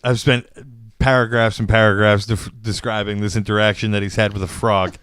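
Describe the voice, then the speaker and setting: A man's voice: lowish voice, little pitch movement, fairly quick, fairly bright tone, clear, resonant tone, no echo, studio quality. A man hosting a casual podcast, rambling and laughing at himself. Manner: rambling, self-deprecating, laughs a lot. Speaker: podcast host.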